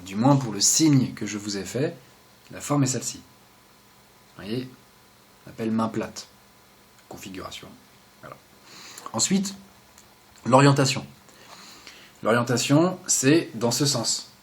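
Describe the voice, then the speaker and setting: A young man giving a casual, joking video lesson, explaining step by step and often trailing off into quiet asides. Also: medium pitch, animated, takes it slowly, pauses often. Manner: chatty, joking asides, drops to quiet mumbles. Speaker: video host teaching sign basics.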